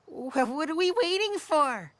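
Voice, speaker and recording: A woman's voice: high-pitched, sing-song, a little slow, background noise. A woman voicing a playful, teasing young truck in a children's cartoon.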